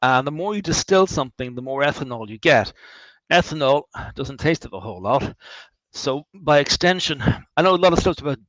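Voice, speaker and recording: A man with an Irish accent leading a guided tour of his distillery. He talks in a chatty, animated way, with wry asides and frequent restarts. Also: fairly high pitch, fairly quick, no room sound, lo-fi sound. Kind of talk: guided tour talk, answering questions.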